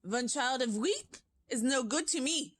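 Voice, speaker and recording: A woman reads aloud in an audiobook character voice, playing a furious, tyrannical female witch leader who shrieks her orders. Her voice is high-pitched and pushed up, with lively intonation, loud, shrieking rage and drawn-out words.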